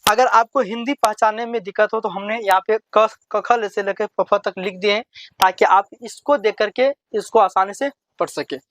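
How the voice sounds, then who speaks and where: Here a high, steady, slightly bright male voice leads children through letter drills, questioning and then answering himself. The pace is slow and repetitive for young listeners, with a faint hiss or hum in the background.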